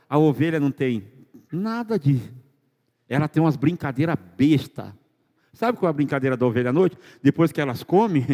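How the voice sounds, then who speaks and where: With a slightly mellow voice that sits on the high side, a male pastor fires rhetorical questions at his congregation during a sermon. The church setting gives the audio a long, echoing hall reverb.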